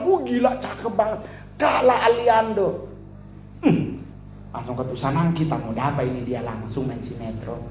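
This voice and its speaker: A man with a Manado accent doing stand-up comedy as a mock church sermon, animated and jumping into high-pitched impressions of other people. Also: echoey room, a little hiss or hum.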